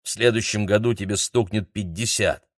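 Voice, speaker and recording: A man voicing a mournful, fretful old hotel owner who laments and scolds in a low, slow voice. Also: steady tone, no echo, clean studio sound, close to an everyday voice. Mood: aggrieved. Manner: lamenting, exasperated.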